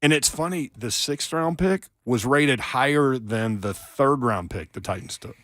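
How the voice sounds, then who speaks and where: A man's voice: mid-range voice, measured pace, a bit bright, no echo, clean studio sound. A man hosting a sports talk radio show, chatting and running through upcoming segments.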